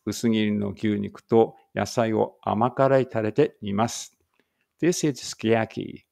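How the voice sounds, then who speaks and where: Gravelly-voiced man reading English slowly. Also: fairly low pitch, no echo, clean studio sound. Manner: reads Japanese then slow careful English, pausing to check pronunciation. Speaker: English teacher. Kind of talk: read-aloud English lesson.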